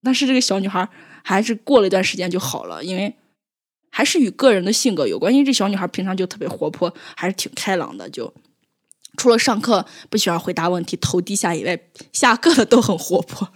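A woman in her twenties, a village schoolteacher from northwest China, recounting stories about her pupils with emotion and halting restarts. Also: medium pitch. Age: 20s. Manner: emotional, animated, halting restarts when upset. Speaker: rural primary school teacher. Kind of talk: personal storytelling interview.

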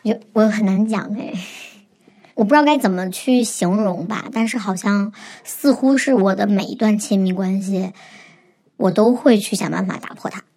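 A woman in her twenties, disguised by a voice-changer, frankly tells her own story and sometimes drops to a whisper. Her voice is mid-range and dark in tone, at normal speed.

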